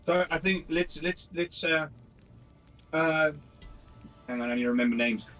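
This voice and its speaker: A man playing a tabletop game in casual chat, thinking out loud. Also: fairly high pitch, a little slow, soft background music, rough recording. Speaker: player.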